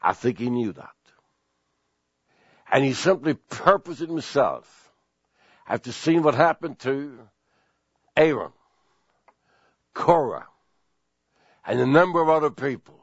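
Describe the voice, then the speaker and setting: A male pastor preaching a sermon, slow and deliberate, driving points home with emphatic repetition. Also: mid-range voice, lively intonation, slightly rough, dry recording, lo-fi sound.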